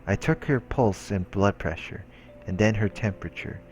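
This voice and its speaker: A man with a lowish, slightly mellow voice reads visual novel narration aloud at a moderate pace for a let's play, casual and informal, stumbling at times and tossing in his own remarks. The audio has its highs cut off and a bit of background noise, with the game's music playing behind him.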